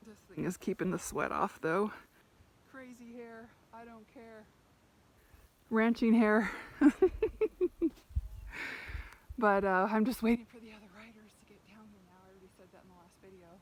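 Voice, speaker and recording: A woman's voice: a little high, normal speed, long pauses. A woman chatting casually while riding, laughing often and talking to her horse, outdoors on open range. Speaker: ranch rider vlogger. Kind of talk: casual outdoor vlog chat.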